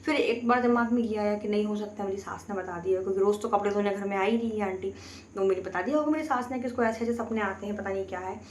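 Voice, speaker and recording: A woman's voice: mid-range voice, fast, slight background noise. Woman telling a personal story, roomy echo. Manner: earnest, vivid first-person recounting. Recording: roomy echo, faint ambience.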